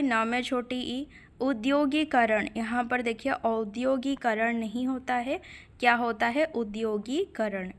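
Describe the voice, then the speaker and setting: Female Hindi teacher, slightly high voice, slow and deliberate dictation of spellings. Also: a bit bright. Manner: dictates words slowly, spells them letter by letter. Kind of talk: spelling lesson.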